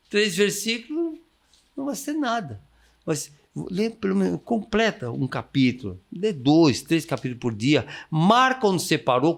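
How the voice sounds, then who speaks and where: A man, a missionary guest giving enthusiastic, preaching-style advice and acting out the inner voices he quotes. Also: high-pitched. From Brazil. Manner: exuberant, acts out quoted inner voices, calls for amens.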